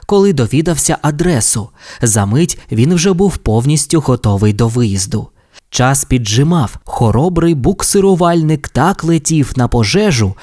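A man narrating an audio fairy tale for children, reading with lively expression. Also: mid-range voice. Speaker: storyteller.

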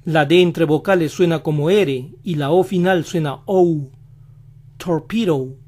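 A man teaching pronunciation in a slow instructional style, repeating each example word several times. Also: a little high, dark tone. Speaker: language teacher.

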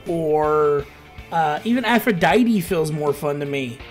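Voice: mid-range voice, expressive, takes it slowly, soft background music. A gameplay commentator talking casually over a match, rambling and ranting with plenty of filler words. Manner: rambling, ranty, laid-back with filler words.

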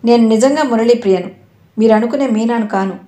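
A young working woman speaks curtly and firmly in this audio novel, as the narrator puts her on. The voice is mellow and warm-toned. Echo from the room surrounds it. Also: mid-range voice, a little fast, natural voice. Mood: annoyed. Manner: curt and indignant. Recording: roomy echo.

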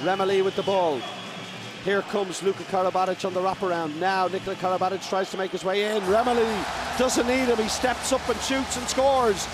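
High-pitched male sports commentator. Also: fairly quick, very noisy. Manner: excitable, emphatic, short clipped phrases. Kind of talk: live handball match commentary. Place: large indoor sports arena with crowd.

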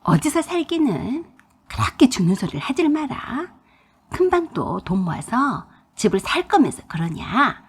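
Lady doing a pushy old mother-in-law, hushed nagging voice, kinda husky, swoops around. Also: high-pitched, very animated, measured pace, heavily acted. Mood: coaxing. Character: scheming older mother-in-law, pushy and demanding. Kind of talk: storytelling.

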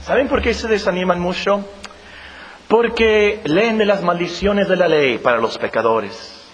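A man's voice: sits high, lively intonation, a little slow, highs cut off. A man preaching a sermon as pastor, speaking straight to his congregation and driving points home with repetition. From Mexico. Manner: preaching with emphatic repetition, addressing the congregation directly. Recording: long hall reverb, faint hiss.

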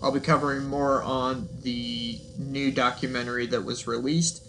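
A man's voice: medium pitch, little pitch movement, moderate pace, background noise. A man casually introducing a video as its host, addressing viewers directly.

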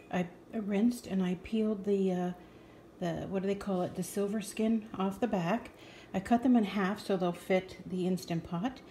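There's a slight hiss or hum behind this medium-pitched voice. A middle-aged woman chats casually into her handheld phone camera while cooking family dinner in her kitchen and living room, keeping things homey and talkative.

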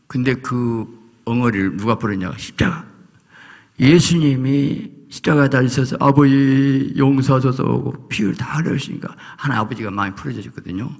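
A middle-aged male pastor preaches in a church sanctuary, his low voice gravelly and husky. He swings from loud calls down to hushed near-whispers. The hall leaves a long reverb on every line. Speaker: senior pastor. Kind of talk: sermon.

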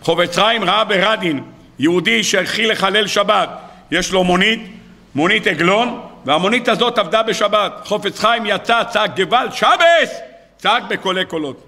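A man, a rabbi, giving a sermon full of stories and acting out the dialogue with lively voices. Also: sits high. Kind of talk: sermon with storytelling.

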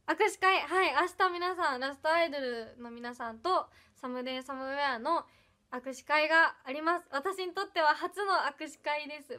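A high, bright young woman speaks in an Iyo dialect with touches of Kansai, chatting casually on her livestream. She is bubbly and giggly and thanks viewers one by one. Her voice is crisp and lively. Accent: Iyo dialect with some Kansai. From Ehime, Japan. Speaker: idol livestreamer. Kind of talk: casual livestream chat reading comments.

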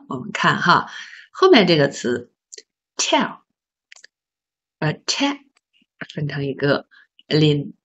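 A woman teaching a beginner English lesson, patiently asking learners questions and sounding out words slowly. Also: fairly low pitch, a bit bright, breathy edge. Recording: slightly dull lo-fi recording.

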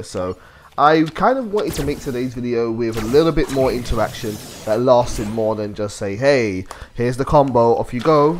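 A man talks loosely and conversationally over a card game, explaining each play as he goes. His voice sits at an ordinary middle pitch for a man. It is a relaxed voice-over recorded at a desk microphone. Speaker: gaming video host. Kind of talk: casual gameplay commentary.

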